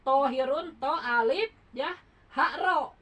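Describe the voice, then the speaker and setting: Woman, bright tone, fairly high voice, patient drilling of letters, casual home lesson. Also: slow, low-quality recording. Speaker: Quran recitation teacher.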